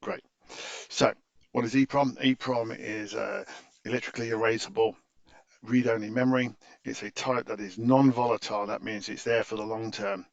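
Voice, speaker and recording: A tutorial presenter with a lowish voice and fairly even intonation talks at normal speed through an informal technical tutorial. He's hesitant and stop-start, often correcting himself, and the close-miked recording sounds slightly muffled.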